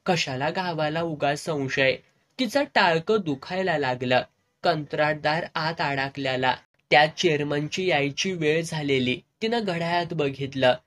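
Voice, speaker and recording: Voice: mid-range voice, a bit bright. A narrator reading a serialized novel aloud in village dialect. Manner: rural dialect storytelling.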